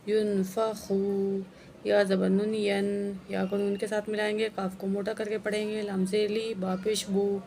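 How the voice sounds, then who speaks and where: A woman teaching Quran reading, slowly spelling out letters and syllables one by one, with brisk explanations in between. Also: medium pitch, level tone, a little mellow, a little hiss or hum. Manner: slow, drawn-out syllable-by-syllable drilling with brisk explanations.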